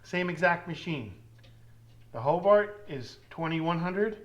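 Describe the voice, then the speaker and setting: A man doing a casual vlog from his garage workshop, relaxed and explaining his fabrication work step by step. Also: on the high side, takes it slowly. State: out of breath at times. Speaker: metal fabricator. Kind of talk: casual shop vlog talk.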